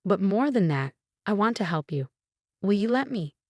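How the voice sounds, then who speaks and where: A woman voicing a kind, protective female X-ray technician, soft and reassuring. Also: medium pitch, sing-song, moderate pace, dry recording, clean studio sound, pitched above the performer's own voice. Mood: gentle.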